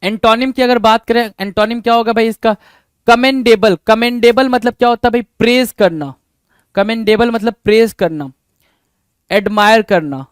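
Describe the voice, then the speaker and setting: Man teaching vocabulary, clear voice. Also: high-pitched, moderate pace, dry recording, clean studio sound. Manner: asks rhetorical questions and answers them himself, repeating key words. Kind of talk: exam-prep vocabulary lesson.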